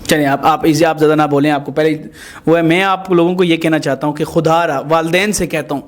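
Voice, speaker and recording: A man with a noticeably high voice acts as host and mediator in a confrontational reality-style show. He talks to the couple in an emphatic, moralizing way, scolding and instructing them. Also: steady tone.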